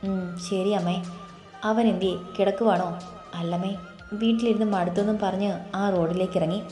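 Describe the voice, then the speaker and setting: A woman's voice: medium pitch, steady tone, moderate pace, mellow, lightly acted. A woman voicing an anxious young wife close to tears. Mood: worried. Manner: pleading, sobbing as she speaks. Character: anxious tearful young woman expecting a baby. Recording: echoey room with faint music.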